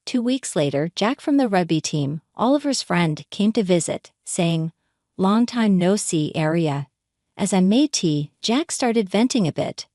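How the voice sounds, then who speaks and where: A woman narrating a first-person family drama story in an expressive, lively manner. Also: medium pitch, moderate pace, hardly any pauses, no echo, studio quality.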